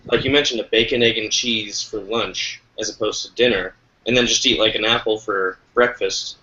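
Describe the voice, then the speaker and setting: A man's voice: lowish voice, fairly even intonation, normal speed, bright, forceful tone, highs cut off. A man playing a laid-back roommate in an improv comedy scene, easygoing and defensive, later boiling over. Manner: easygoing, defensive, escalating to outburst. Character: laid-back roommate cooking late brunch.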